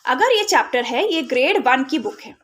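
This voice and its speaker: A woman giving a phonics lesson for parents, modelling letter sounds slowly and mixing in English terms. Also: high voice, big pitch swings, a bit bright. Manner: mixes Hindi with English terms. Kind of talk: instructional tutorial.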